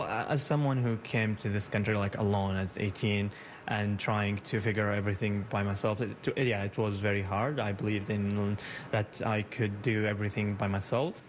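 Halting young man. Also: fairly low pitch, a little hiss or hum. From Yemen, raised in Saudi Arabia. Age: 20s. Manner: hesitant, halting, with frequent "uh" and restarts. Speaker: bakery founder, guest. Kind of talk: casual interview answers. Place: his bakery kitchen.

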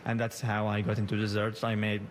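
A young man answers interview questions in his bakery kitchen. He speaks haltingly, with many "uh"s and restarts. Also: lowish voice, completely flat delivery, a little hiss or hum. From Yemen, raised in Saudi Arabia. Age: 20s. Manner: hesitant, halting, with frequent "uh" and restarts. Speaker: bakery founder, guest.

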